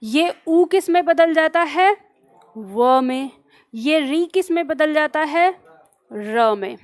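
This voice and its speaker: High-voiced woman teacher, slow dictation. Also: animated, dry recording. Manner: slow deliberate dictation, scolding asides. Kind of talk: online grammar class, dictating notes.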